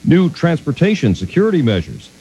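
A man's voice: a little high, huge pitch swings, brisk, dark tone, husky, poor audio. An American man anchoring a radio news roundup, reading from a script.

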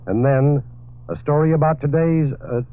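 A man's voice: on the high side, normal speed, narrow, tinny audio. A man delivering a 1940s radio news bulletin, reading steadily with an occasional filler, heard as an old radio broadcast.

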